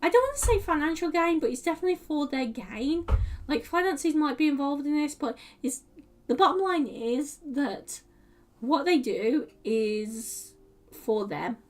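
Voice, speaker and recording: A high-voiced woman chats her way through a tarot reading, full of "like" and "um", as if thinking aloud. She sits a little back from the mic, so her voice sounds slightly distant. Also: lively intonation, measured pace. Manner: chatty, meandering, lots of fillers and "like". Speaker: tarot reader. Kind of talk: casual live-stream tarot reading.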